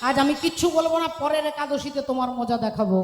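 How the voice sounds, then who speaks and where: A woman's voice: high-pitched, fast talker, natural voice. A woman voicing Bhola, a simple, always-hungry male devotee who pleads in a whiny, coaxing voice. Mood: grumbling. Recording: echoey hall with music behind.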